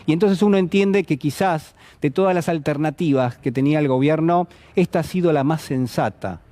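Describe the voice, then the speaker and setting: A man's voice: fairly high pitch, moderate pace, dark tone. A man giving a televised political commentary, speaking to the viewer directly and posing rhetorical questions. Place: television studio.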